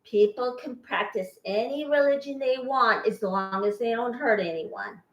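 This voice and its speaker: A woman's voice: a little high, moderate pace, reverberant. An older woman born in Boston to an Armenian family, chatting in a rambling way and laughing often as she hosts a cooking vlog in her home kitchen. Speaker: cooking channel host. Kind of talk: casual cooking vlog chat.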